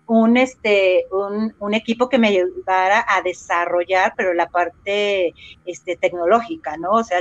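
Mexican woman, interview guest, lively storyteller; dry, dull call audio. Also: mid-range voice, no room sound. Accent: Mexican Spanish. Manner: animated storyteller, acts out her own reactions. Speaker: interview guest, runner and entrepreneur. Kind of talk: casual interview over a live video call. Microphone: video call microphone.

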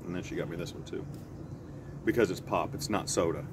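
Deep-voiced middle-aged man rambling outdoors. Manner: easygoing, halting, self-correcting. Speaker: pipe vlogger. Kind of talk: casual rambling storytelling. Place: outside by a house with siding. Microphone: camera a short distance in front. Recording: clear outdoor traffic or air-conditioner hum.

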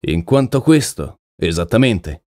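A man voicing a shrewd, calm male detective in an audiobook, asking measured questions. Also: on the low side, dry recording, studio quality. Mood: probing. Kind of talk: audiobook character reading.

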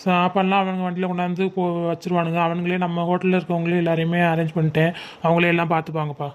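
A man playing a calm, grateful elder relative who runs a restaurant, in a family web series. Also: high-pitched, racing, close to an everyday voice. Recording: muffled lo-fi recording.

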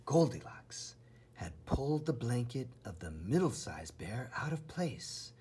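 Reading a children's story aloud, this man uses a medium pitch and a breathy, husky tone, delivering the words deliberately with plenty of drama and expression.

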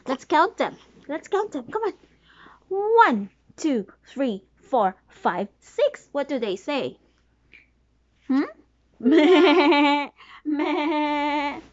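With a fairly high, slightly bright voice, a thirtysomething mom reads a picture book to her toddler in a sing-song manner, mixing in questions and counting. They sit on a bed in a small bedroom, and the home audio is dull and lo-fi.

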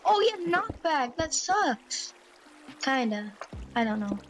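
A woman's voice: sits high, sing-song, slow pace, a little hiss or hum. A woman chatting playfully with friends while playing a game. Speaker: gamer. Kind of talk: casual gaming chat with friends.

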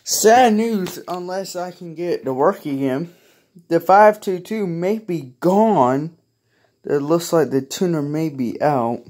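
In a small carpeted bedroom, a collector vlogs on a phone or camera he holds himself. His voice sits on the high side, darkish and expressive, moving slowly through rambling, hesitant talk that keeps trailing off.

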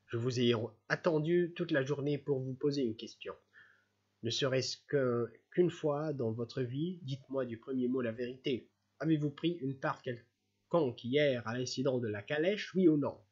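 Homme lisant un jeune prince sincère et indigné. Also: male voice, medium pitch, normal speed, darkish tone, husky, muffled recording, close to an everyday voice. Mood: reproachful. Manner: reproachful, insistent questioning. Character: earnest, upright young prince, easily indignant.

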